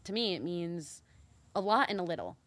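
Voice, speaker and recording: A Mexican woman co-hosts a casual talk show, her voice on the low side, sing-song and a bit bright, at a normal pace with no room sound. She chats earnestly and reflectively, using lots of fillers.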